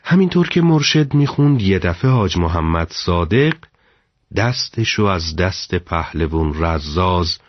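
Man, storyteller, very low voice, dry close sound, measured dramatic narration. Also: lively intonation, dry recording, highs cut off.

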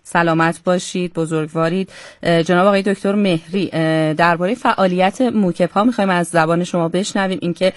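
A woman hosting a radio interview, polite and formal, pausing often with fillers. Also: low-pitched, no room sound, studio quality. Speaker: radio host.

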